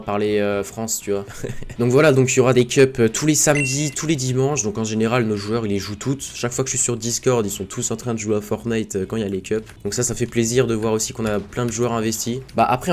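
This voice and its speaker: A man's voice: on the low side, a little mellow. A young man casually commenting while he plays a video game, rambling with lots of fillers and gamer slang as an esports team's content creator.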